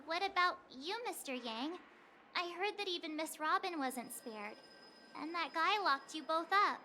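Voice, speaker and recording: A woman voicing a bubbly, curious teenage girl adventurer in an anime game, chirpy and expressive. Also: very high voice, a little slow, slight background noise, exaggerated voice. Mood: teasing. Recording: game music behind the voice.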